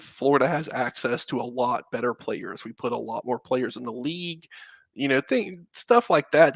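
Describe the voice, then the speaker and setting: Gravelly, rambling man talking football. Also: mid-range voice, fairly bright tone, dry recording. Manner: rambling, conversational, many fillers and asides. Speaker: podcast co-host, Florida fan. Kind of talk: casual sports chat.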